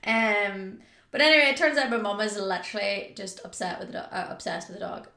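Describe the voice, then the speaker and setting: Chatty woman livestreaming, bright roomy sound. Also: medium pitch, lively intonation, fairly quick, creaky. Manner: chatty, rambling, heavy use of "like"; reads out and answers viewer chat. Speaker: livestream host. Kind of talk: casual livestream storytelling. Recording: roomy echo.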